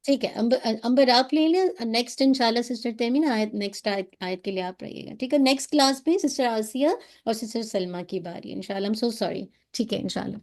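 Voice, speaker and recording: A woman teaching Quran recitation on a video call, explaining each sound patiently and modelling words slowly. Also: on the high side, a little mellow. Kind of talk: online tajweed class.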